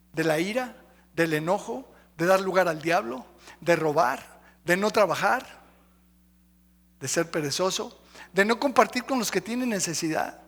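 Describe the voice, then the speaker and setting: A man's voice: very high voice, vocal fry, a bit bright, in a large hall. A male pastor preaching emphatically, running through lists and questioning the congregation. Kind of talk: sermon. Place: church sanctuary.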